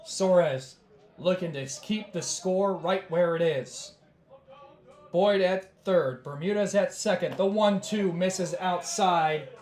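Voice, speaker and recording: A man doing baseball play-by-play who is losing his voice, with calm measured calls that rise on big plays. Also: high voice, roomy sound. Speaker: play-by-play announcer.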